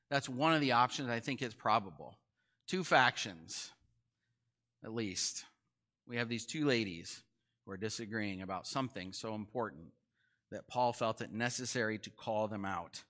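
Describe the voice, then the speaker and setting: Guy pastor preaching, chatty and animated, bright forceful voice, pitch jumps around a lot. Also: moderate pace, long pauses. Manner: conversational, animated, asks the congregation questions. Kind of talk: sermon.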